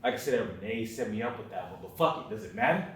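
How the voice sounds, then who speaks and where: A young student actor performs a dramatic monologue as a separated father who missed his son's birthday, confessing his regret in a brooding, profane way. His voice is lowish, expressive and fast, the acting light. The room is very echoey and the mic sits far off.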